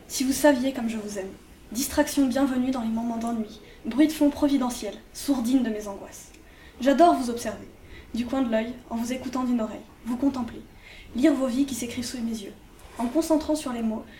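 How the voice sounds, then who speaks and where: A woman performing a spoken-word poem in a soft, reflective recitation. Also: fairly high pitch. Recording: roomy and distant with faint background noise.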